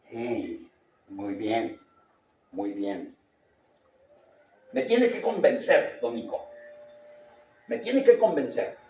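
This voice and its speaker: Slow, lively-voiced male instructor in echoey room. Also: medium pitch, a little hiss or hum. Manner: demonstrates readings with shifting tone, slow and deliberate. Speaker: lector training instructor. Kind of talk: workshop lesson. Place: meeting room with class. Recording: roomy echo.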